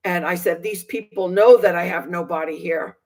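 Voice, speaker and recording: This is a sixty-something woman vlogging about something that happened to her, her voice fairly low and her speed normal. Aggrieved and emphatic, she repeats phrases for emphasis.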